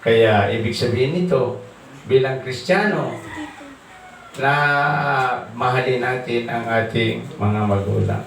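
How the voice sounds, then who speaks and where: A man preaching a sermon, slow and halting, mixing English scripture quotes into his talk. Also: medium pitch, vocal fry, a little hiss or hum. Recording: echoey, distant hall sound with faint ambience.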